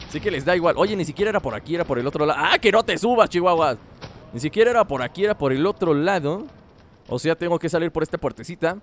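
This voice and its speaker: A man's voice: on the high side, animated, quick pace, slight background noise. A young man giving chatty, joking let's play commentary, laughing often. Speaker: gaming channel host.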